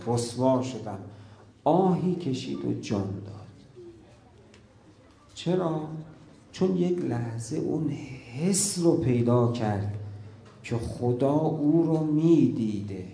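A man preaching a religious sermon, telling stories with feeling and dropping to a hush at key moments. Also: mid-range voice, gravelly, roomy sound. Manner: emotive storytelling, drops to a hush at key moments.

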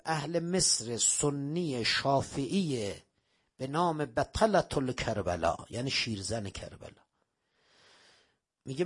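Husky-voiced preacher with dramatic swings. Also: male voice, a little high. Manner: dramatic storytelling, swings from loud to hushed. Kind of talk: religious sermon with storytelling.

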